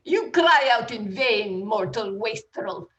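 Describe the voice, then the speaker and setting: Woman doing a pompous, booming priestess for improv, slow and deliberate. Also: lively intonation, a bit bright, highs cut off. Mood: grandly menacing. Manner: booming, theatrical proclamations. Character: grandiose female high priestess casting curses. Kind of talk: improvised comedy scene.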